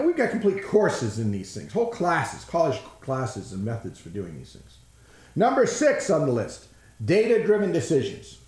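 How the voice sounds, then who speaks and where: A man giving an energetic, blunt, folksy presentation on innovation, sometimes swearing for emphasis. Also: a little high, reverberant. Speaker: innovation trainer.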